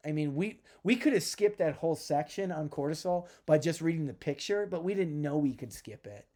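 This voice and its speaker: A man in his thirties giving a casual psychology lecture, chatty and animated, with self-deprecating asides. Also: fairly high pitch, a little fast.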